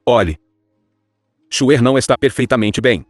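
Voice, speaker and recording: Um ator de dublagem dando voz a um marquês nobre e severo, pai autoritário que fala de modo curto e mandão. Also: male voice, medium pitch, animated, a little slow, no room sound, soft background music. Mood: curt. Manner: curt, commanding. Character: stern noble marquis father, dismissive. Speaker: dubbing actor.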